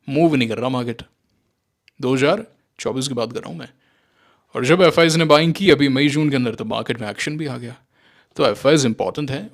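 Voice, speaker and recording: A man teaching stock trading in casual, animated commentary, sarcastic and mocking, with Indian-accented English mixed into his talk. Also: on the high side. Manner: sarcastic, mocks listeners in mimicking voices. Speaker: stock market trading educator.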